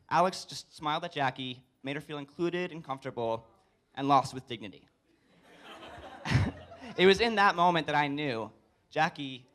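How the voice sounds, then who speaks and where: A young adult man giving a wedding toast as best man, joking with deliberate comic pauses. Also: fairly high pitch, a bit bright, smooth. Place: live speech at a wedding reception.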